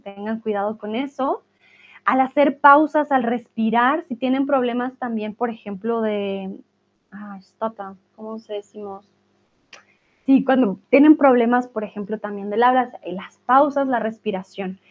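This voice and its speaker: A woman teaching Spanish in a live class, answering viewer chat and laughing often. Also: fairly high pitch. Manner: laughs often, speaks slowly and clearly. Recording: tinny phone-like sound.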